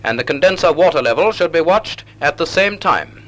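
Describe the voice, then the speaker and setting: A man narrates a 1940s instructional film in a measured, didactic way, his slightly high voice bright with a crisp edge. The delivery is animated, and the soundtrack has a vintage quality.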